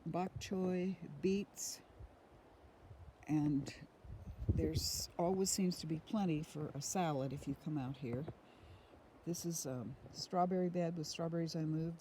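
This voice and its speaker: A middle-aged woman giving a casual, unhurried walking tour of her garden outdoors in the rain, pausing often with ums. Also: deep voice. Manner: rambling, unhurried, with frequent ums. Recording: rain noise on outdoor phone audio.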